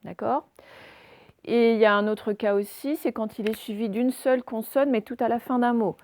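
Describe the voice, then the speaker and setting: A woman's voice: fairly high pitch, steady tone, normal speed, a little mellow. A woman primary school teacher recording a reading and handwriting lesson for young children, explaining step by step with frequent hesitations and spelling out letters.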